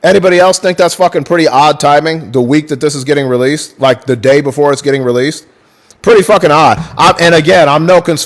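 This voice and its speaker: Chatty, profane man with a higher voice. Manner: profane, chatty, thanks viewers mid-reading; reads book passages aloud. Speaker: livestream host. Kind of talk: livestream reading and chat.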